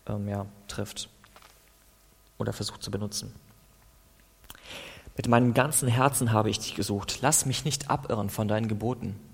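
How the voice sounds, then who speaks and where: A man reading psalm verses aloud as a devotional, stopping now and then to comment in a plain, conversational way. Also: fairly low pitch. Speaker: preacher. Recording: long hall reverb.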